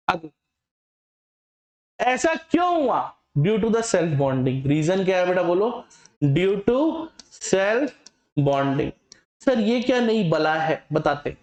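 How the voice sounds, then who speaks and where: A man teaching chemistry in a fairly high voice, firing questions at his students and answering them himself. He teases and scolds the class as he goes, and the sound carries the echo of a bare classroom. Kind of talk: lively classroom lecture.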